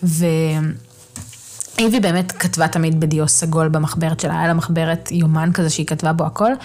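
A woman with a somewhat low voice hosts a podcast from a home microphone. She recaps a novel casually, chatty and animated, pausing often to find her words. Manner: chatty, animated retelling with many hesitations. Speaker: podcast host.

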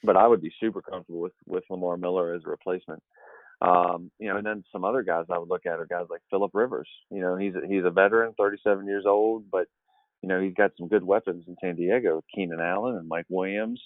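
A man with a very low voice rambles through casual podcast talk, full of fillers and restarts. His voice comes over a tinny, phone-like line in a dry space. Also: fairly even intonation, quick pace, no room sound. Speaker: fantasy football podcast analyst.

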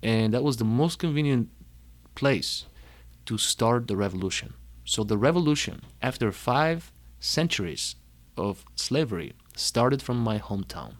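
A young man from Bulgaria with a Bulgarian accent, telling his life story in an emphatic, energetic way and listing words one by one. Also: mid-range voice, measured pace. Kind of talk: personal talk.

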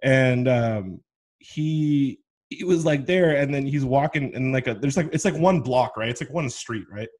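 A man's voice: medium pitch, unhurried, darkish tone. A young man hosting a podcast in casual chat, a slangy storyteller with many restarts. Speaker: podcast host.

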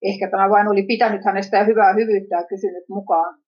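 A woman's voice: medium pitch, husky, dull audio. Woman reading a story aloud. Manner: plain steady reading with small slips. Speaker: narrator.

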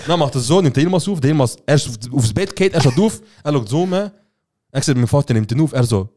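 A young man with a Swiss German accent speeds through a family story on a podcast. He keeps quoting people and acting out their lines. His pitch sits in the middle of the male range. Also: quick pace, noisy background. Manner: animated, quotes people with "ich so" and acts out their lines. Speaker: podcast co-host. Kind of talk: casual storytelling chat.

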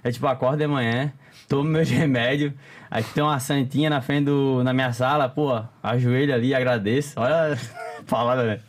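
There's a little hiss or hum as a young man chats on a podcast at a normal speed and medium pitch. As a guest, he's casual and animated, peppering his stories with slang and frequent laughs.

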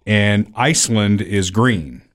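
A man co-hosting a podcast, chatting casually about the news in a drawn-out, conversational way. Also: on the low side. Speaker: podcast co-host. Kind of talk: casual political chat.

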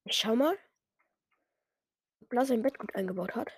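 A woman's voice: fairly high pitch, lively intonation, normal speed, husky. A woman giving casual, self-mocking commentary while playing a game, muttering some lines under her breath. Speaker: gamer.

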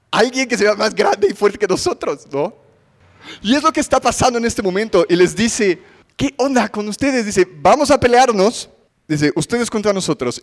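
A man preaching a sermon, his voice pitched high for a man. He talks in a conversational way, keeps asking the audience questions and acts out the voices of the people in the story. The sound has a long reverb, as in a big hall.

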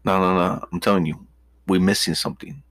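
A man's voice: sits low, fairly even intonation, brisk, a bit bright, dry recording, clean studio sound. A man co-hosting a casual podcast, swearing freely and repeating his points with emphasis. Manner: profane, emphatic, repeats himself. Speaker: podcast co-host. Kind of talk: casual chat.

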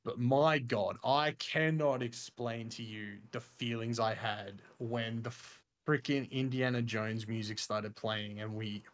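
A man's voice: mid-range voice, fairly even intonation, unhurried, few pauses. A young man co-hosting a gaming podcast, talking casually and enthusiastically in long, rambling sentences. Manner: enthusiastic, rambling, says "freaking" and "mate" a lot. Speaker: podcast co-host. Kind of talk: casual chat.

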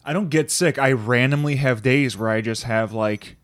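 Man co-host, mid-pitched, animated self-deprecating storyteller, dry close mic. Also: moderate pace, dry recording. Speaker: podcast co-host. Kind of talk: casual chat.

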